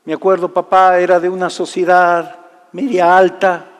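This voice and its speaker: A man preaching a sermon, telling a personal story and swinging from loud to hushed delivery. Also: sits high, little pitch movement, normal speed, smooth. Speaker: pastor. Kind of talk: sermon testimony. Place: large church hall. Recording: live church hall reverb.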